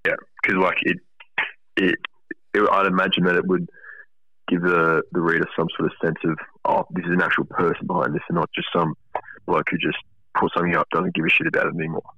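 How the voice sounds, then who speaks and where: A man's voice: low voice, level tone, a little fast, pushed and bright, dry recording. A teenage Australian male chatting casually, earnest, polite and grateful, over a dull lo-fi line. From Wollongong, Australia. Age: teens, about sixteen. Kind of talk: casual chat.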